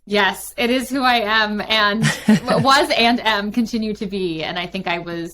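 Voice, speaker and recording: A woman's voice: medium pitch, measured pace, bright, forceful tone. A woman in her thirties who grew up in London, a guest talking chattily with many fillers. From London, England. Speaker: guest, company founder. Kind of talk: interview.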